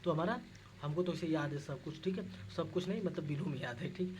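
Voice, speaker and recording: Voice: medium pitch, fairly quick, a little mellow, slight background noise, low-quality recording. A teacher working through exam questions, reading each one and then explaining it, answering their own questions and calling the listeners "guys". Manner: asks questions and answers them, repeats key terms; repeats the same point several times.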